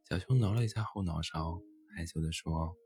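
Low-voiced man telling a bedtime story. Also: moderate pace, dark tone.

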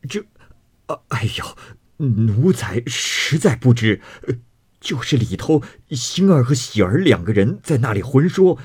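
A man voicing a frightened, grovelling male servant who stammers and pleads, slow and hesitant. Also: medium pitch, sing-song, a little mellow, husky, voice pushed up, exaggerated voice.

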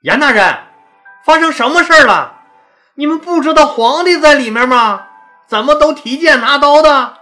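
A woman's voice: high-pitched, expressive, normal speed, bright, forceful tone, soft background music, voice pushed up. A woman doing a startled male gate guard. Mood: alarmed.

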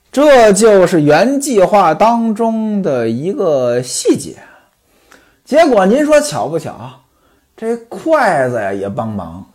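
Lively male storyteller with a high, swooping voice. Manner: lively, chatty asides to the listener. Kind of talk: traditional Chinese storytelling narration.

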